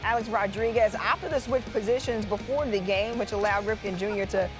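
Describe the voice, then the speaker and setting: A woman co-hosting a top ten countdown, commenting on sports highlights in a conversational, playful way. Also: fairly even intonation, brisk. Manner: conversational asides and playful reactions. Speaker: sports show co-host. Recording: loud music bed behind voice. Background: music.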